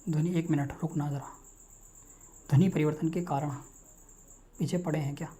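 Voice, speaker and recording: Fast-talking male Hindi lecturer, warm tone. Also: on the high side, fairly even intonation. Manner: rapid, repetitive, quizzes himself aloud. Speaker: teacher. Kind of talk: online exam-prep lecture.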